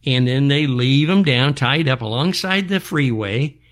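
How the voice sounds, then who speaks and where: An older American man hosts a show, ranting in an exasperated, folksy back-in-my-day style packed with rhetorical questions. His voice sits at medium pitch, a little slow and a bit bright.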